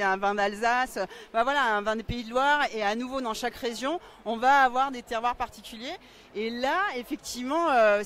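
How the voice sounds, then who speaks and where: A woman in her forties, a staff member at a trade stand, explaining things in a lively way into a handheld mic in a busy indoor hall. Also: fairly high pitch. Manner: lively, explanatory, asks questions back. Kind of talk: live event interview.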